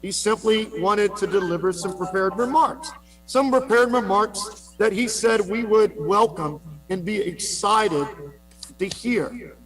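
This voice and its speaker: A man moderating a public meeting, firmly pressing speakers for clear commitments. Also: high-pitched, unhurried, music in the background.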